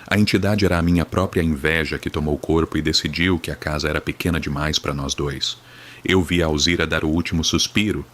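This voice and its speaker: A man's voice: very deep voice, fairly bright tone. A Brazilian man reading a first-person horror story in a somber, dramatic, grave manner.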